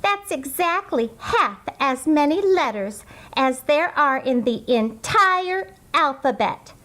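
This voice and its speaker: A woman's voice: high voice, animated, slow pace, pushed and bright, voice pushed up, heavily acted. A woman voicing a snooty know-it-all schoolgirl in a children's storybook, pointed and emphatic. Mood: smug.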